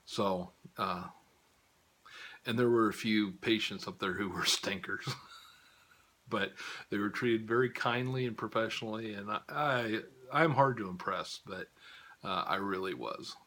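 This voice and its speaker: A man's voice: fairly low pitch, a little slow, bright, forceful tone. An older man giving a casual spoken update to viewers, rambling with frequent chuckles and fillers. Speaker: vlogger giving a health update.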